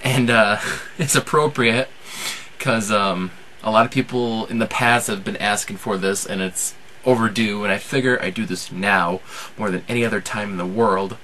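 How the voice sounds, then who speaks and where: Male, 20s, bright forceful voice, informal halting vlog host, slight background noise. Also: fairly low pitch, steady tone, low-quality recording. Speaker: amateur impressionist and video host. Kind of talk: casual how-to vlog.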